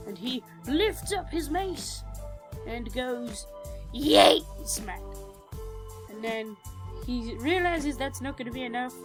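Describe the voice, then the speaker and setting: A high-voiced woman tells her animated tabletop adventure in an unhurried, rambling way, poking fun at herself. She is recorded on a cheap home mic with music running underneath. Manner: rambling and self-mocking, with giggles and restarts. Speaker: storyteller narrating her own animation. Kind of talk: casual narration of a tabletop game story.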